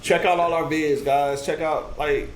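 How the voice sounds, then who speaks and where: A man's voice: on the high side, fairly even intonation, unhurried. Casual male reaction host, easygoing, echoey room, faint hiss. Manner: easygoing, thanks supporters. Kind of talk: casual chat.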